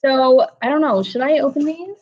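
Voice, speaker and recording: A woman's voice: sits high, moderate pace. A woman hosting a casual livestream from home, chatting easily and greeting viewers by name from the chat. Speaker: livestream host. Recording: dull lo-fi livestream audio.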